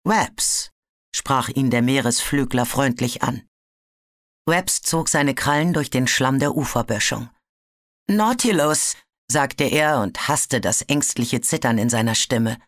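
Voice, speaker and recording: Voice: mid-range voice, measured pace, fairly bright tone, dry recording. Dry, close audiobook narrator. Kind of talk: scripted fantasy narration.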